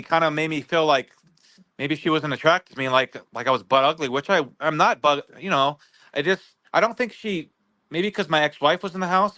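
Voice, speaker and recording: A man guest on a livestream, talking in a rambling, halting way with many restarts. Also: fairly high pitch, bright, forceful tone. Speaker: guest neighbor. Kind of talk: casual livestream interview.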